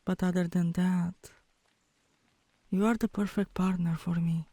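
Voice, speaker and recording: A woman voices a tomboy girlfriend in an intimate ASMR roleplay, teasing and gently dominant, with a coaxing, commanding manner and an affectionate mood. Her low voice becomes breathy at times, while her delivery stays flat and measured. No room sound can be heard.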